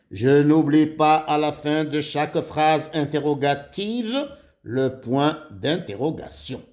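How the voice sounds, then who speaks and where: A man teaching a primary school grammar lesson, reading questions aloud and explaining each step patiently. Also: fairly high pitch. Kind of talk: slow, deliberate grammar lesson.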